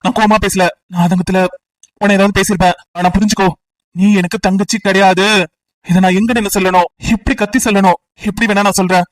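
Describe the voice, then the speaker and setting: A man's voice: sits high, steady tone, quick pace, dry recording, distant mic, lightly acted, low-quality recording. A man voicing a hot-tempered young cop. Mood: earnest. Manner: pressing, confrontational, rough. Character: intense young policeman Vijay, possessive and hot-tempered. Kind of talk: cartoon story voice acting.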